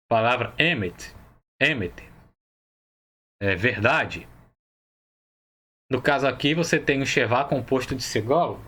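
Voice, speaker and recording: A man's voice: medium pitch, pushed and bright, slightly rough. Patient Brazilian man teaching grammar. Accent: Brazilian Portuguese. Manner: patient, explains step by step, asks "tá?" and "ok?" to check understanding. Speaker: Hebrew teacher. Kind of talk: recorded grammar lesson.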